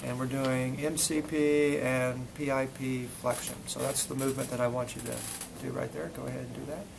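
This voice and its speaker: A man demonstrating hands-on work to a class speaks a little fast in a level, creaky, mid-range voice. Between steps he quizzes students, coaching them with short commands he repeats, and the classroom audio is noisy.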